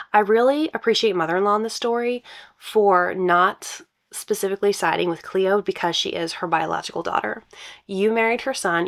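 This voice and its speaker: A woman with a gravelly voice, hoarse from allergies, reading posts aloud and commenting on them in a casual, emphatic, conversational way as a host. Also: medium pitch.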